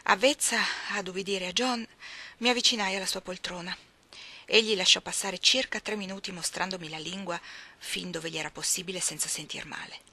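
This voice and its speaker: A woman narrating a classic novel as an audiobook, expressive, dropping into soft, almost whispered passages. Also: lowish voice, fairly quick. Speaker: audiobook reader.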